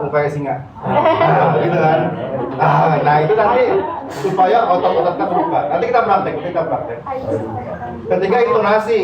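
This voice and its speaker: A male trainer leads a relaxed public speaking workshop, chatting directly with his students in a slightly raised voice. He sounds set back from the mic in a roomy classroom, and the recording is dull and lo-fi. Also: a little high. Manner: chatty, addresses audience directly, mixes in English terms. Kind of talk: casual workshop lecture to students. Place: university classroom. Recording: echoey room, distant mic, dull lo-fi sound.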